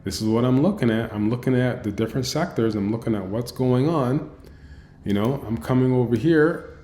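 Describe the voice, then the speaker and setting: A man's voice: mid-range voice, moderate pace, warm tone, roomy sound, a little hiss or hum. A man coaching options traders in an end-of-day recap over a screen share, emphatic, repeating phrases and tagging his lines with "right?".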